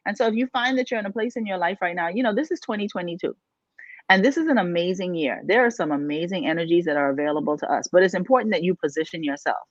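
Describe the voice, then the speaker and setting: A fast-talking woman with a fairly low pitch, recorded with no echo in dull, dry lo-fi audio. She is a life coach and podcast co-host from the Bahamas, giving motivational talk in a preachy, emphatic style full of rhetorical questions.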